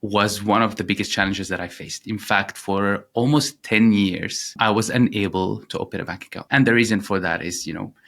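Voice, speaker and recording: Man, 30s, from Syria, founder guest, earnest, reflective, lowish pitch, "you know" fillers. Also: fairly even intonation, moderate pace, vocal fry, hardly any pauses, a bit bright. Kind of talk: interview conversation.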